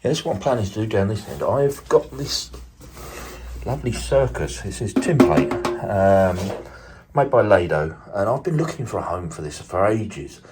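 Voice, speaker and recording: A man casually talking through his model railway build, relaxed and rambling with lots of fillers, recorded indoors at a table. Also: lowish voice, moderate pace, background noise. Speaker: model railway hobbyist host. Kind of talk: casual workshop vlog. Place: indoors at a dining room table layout.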